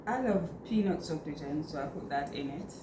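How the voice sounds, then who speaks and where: A woman's voice: low-pitched, lively intonation, normal speed. A middle-aged Jamaican woman chatting casually in her kitchen as a vlogger, playful and teasing with a ready laugh. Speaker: vlogger and Airbnb host. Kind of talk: casual kitchen vlog chat. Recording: echoey room with background noise.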